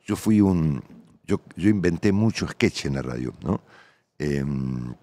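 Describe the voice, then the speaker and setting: Very deep-voiced Argentine man rambling. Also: expressive, takes it slowly, dark tone, no echo. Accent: Argentine Spanish. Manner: colloquial, rambling, frequent tag questions. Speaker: veteran radio journalist, guest. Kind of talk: casual interview talk.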